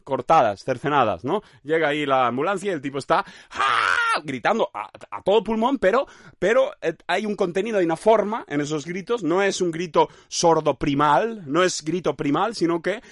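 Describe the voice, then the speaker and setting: Male podcast host, rambling musing monologue, breaks into shrieking gibberish cries, fairly high voice, dry close sound. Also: lively intonation, normal speed, a bit bright, no echo. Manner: bursts into high shrieking nonsense cries between musing, many filler tags.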